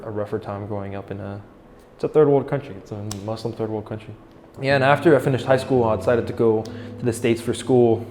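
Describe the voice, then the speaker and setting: A man's voice: lowish voice, a little hiss or hum. A man in his twenties from Egypt, sharing his faith testimony in an earnest, reflective way. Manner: earnest and reflective, quotes his own inner thoughts. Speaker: church member sharing testimony. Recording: long reverb with soft guitar music.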